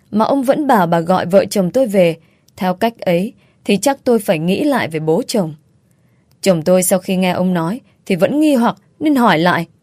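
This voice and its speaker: A woman's voice: mid-range voice, dark tone, dry recording, clean studio sound. Woman reading a story aloud. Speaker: narrator. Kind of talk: scripted first-person story narration.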